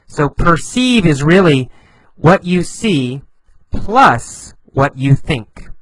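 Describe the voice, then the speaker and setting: A man teaching English vocabulary, explaining slowly and patiently, repeating phrases with lively emphasis. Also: a little high, poor audio.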